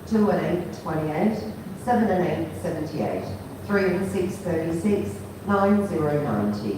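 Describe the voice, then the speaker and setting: A woman's voice: fairly low pitch, animated, a little slow. A woman working as a bingo caller, reading out each number digit by digit and then whole in a formulaic patter. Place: large echoing hall, heard from far off. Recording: distant, very echoey hall, clear background noise.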